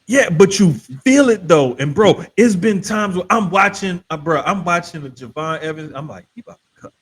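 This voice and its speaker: A middle-aged man in a casual group chat as a podcast host, talking in an animated, emphatic, slangy way. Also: high voice, moderate pace, husky.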